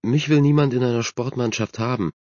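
A man's voice: mid-range voice, a little fast, darkish tone, no room sound, highs cut off, voice pushed up, natural voice. A man voicing a shy, insecure girl who speaks timidly and hesitantly. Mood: sad. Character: shy, self-conscious chubby girl.

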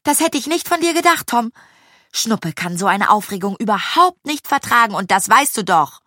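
Storybook girl, fiery and protective of her horse, high and loud, voiced by a woman. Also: big pitch swings, normal speed, no room sound, studio quality. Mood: indignant. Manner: indignant, scolding. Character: lively girl, horse owner, bossy and protective.

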